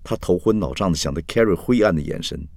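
A man narrating a story in a conversational, animated way. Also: deep voice, fast, gravelly, no echo, clean studio sound.

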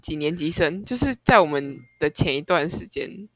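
A young woman from Taiwan, co-hosting a casual chat podcast, with calm, dry teasing remarks. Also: low voice, moderate pace, no room sound. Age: young adult. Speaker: podcast co-host.

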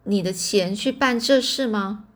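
A woman reading an old grandmother's lines from a storybook in a slightly lower, softer manner, close to her own voice. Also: measured pace, close to an everyday voice. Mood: knowing. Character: knowing, kindly old grandmother.

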